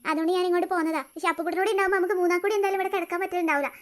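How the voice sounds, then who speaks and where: A woman's voice: very high voice, fairly even intonation, very fast. A woman voicing a caring teenage elder sister who explains things patiently, in a cartoon story. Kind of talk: cartoon voice acting.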